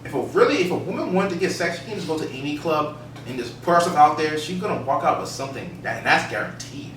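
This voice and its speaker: A man's voice: fairly high pitch, big pitch swings, quick pace, fairly bright tone. A man co-hosting a podcast, explaining his opinions in casual, emphatic conversation. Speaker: podcast co-host. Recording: roomy, distant mic, faint noise.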